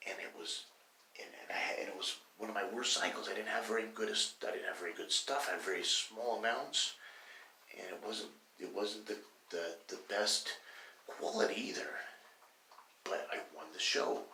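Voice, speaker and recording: Low-voiced guy rambling and cussing, sounds a bit far off from the mic, faint hiss behind. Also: sharp tone. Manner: rambling, profane, with many restarts. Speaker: bodybuilding vlogger. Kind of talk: casual rambling monologue. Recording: echoey room, mic at a distance, faint noise.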